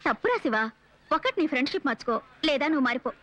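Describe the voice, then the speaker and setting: A woman's voice: high-pitched, very animated, racing, dull audio, background noise. An actress playing a cheeky young woman who teases her friend in playful banter. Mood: teasing. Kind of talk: dubbed film dialogue.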